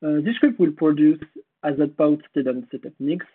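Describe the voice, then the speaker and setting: A man with a French accent gives a technical conference presentation in a fairly high voice that is hoarse and husky. He talks haltingly and pauses to search for words. The sound is thin and tinny, like a phone line. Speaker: conference speaker.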